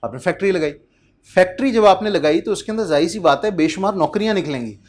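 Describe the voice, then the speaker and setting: A Pakistani man in his thirties delivers a conversational accountancy lecture in a high-pitched, expressive voice. He reads English passages slowly and throws rhetorical questions at the class.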